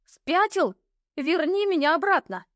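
A woman reader putting on a frightened young heroine of a fantasy tale, high and shrill, blurting out nervous protests. Her voice sits right up at the mic, dry and close. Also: moderate pace, a little mellow, no room sound, close to an everyday voice. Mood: panicked.

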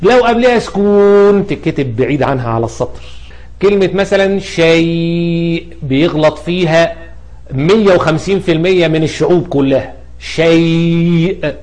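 A teacher with an Egyptian Arabic accent walks through spelling rules in a slightly high male voice. He poses questions and answers them himself, one step at a time. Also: animated, normal speed, darkish tone. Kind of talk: explanatory grammar lesson.

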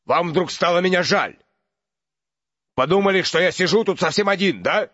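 Hagrid, a man doing a gruff half-giant, bright voice. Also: high-pitched, moderate pace, no room sound, highs cut off, voice pushed up. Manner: grumbling, gruff. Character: gruff hulking half-giant gamekeeper, male, touchy. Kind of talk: audiobook character voice.

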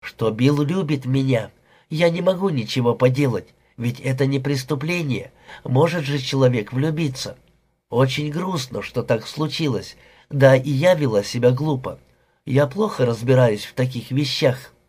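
A pleading nineteen-year-old wife in an audiobook, soft-spoken and defensive, read by a man in his own husky voice. Her speech stays gentle and earnest, with a breathy grain to it. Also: medium pitch, normal speed, close to an everyday voice.

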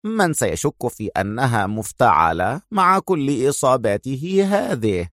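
Man doing an icy crime boss in an audiobook, low and slow, cool and contemptuous, dry sound. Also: sing-song, fairly bright tone, no echo. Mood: cold. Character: cold calm male crime boss.

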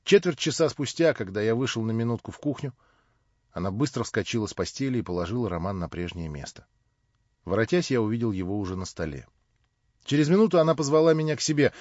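Expressive male audiobook narrator, lo-fi. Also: no echo. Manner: emotive, with dramatic pitch swings. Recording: dull lo-fi recording.

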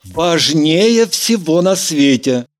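A woman doing a gruff, jealous young man. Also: sits low, expressive, slow, a little mellow. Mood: earnest. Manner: terse, gruff short replies.

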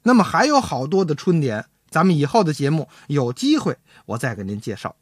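A man who hosts a radio program and performs crosstalk, telling stories in a lively, chatty, playful way. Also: fairly high pitch, a little fast, husky. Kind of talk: storytelling radio talk.

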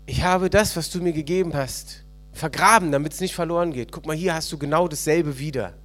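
A man's voice: fairly high pitch, a little fast, a bit bright, natural voice. A man acting a fearful servant in a parable, defending himself to his master in a pleading voice. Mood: defensive.

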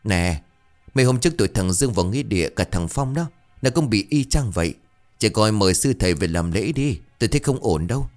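A man's voice: lowish voice, animated, a little fast, soft background music, natural voice. A man voicing a gossipy village woman neighbor, chatty and confiding. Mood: gossiping.

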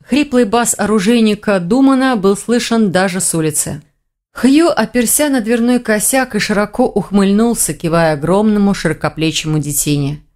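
A woman reading a fantasy audiobook in an even, measured storytelling manner. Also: medium pitch. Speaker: audiobook narrator. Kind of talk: scripted narration.

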